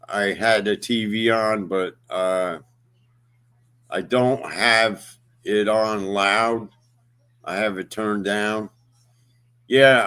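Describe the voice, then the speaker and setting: A man in his fifties chats to his livestream audience in an unhurried, halting way, full of fillers and pauses. His voice sits somewhat low and comes across smooth and clear. He talks at a very slow pace. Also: fairly bright tone. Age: 50s. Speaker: livestream host. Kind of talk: casual livestream chat.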